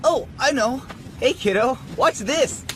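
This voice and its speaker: A woman's voice: high voice, expressive, measured pace, heavy background noise. A woman in an English anime dub voicing a shy, kindly teenage boy with a casual, awkward way of talking. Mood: playful comforting. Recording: music behind the voice.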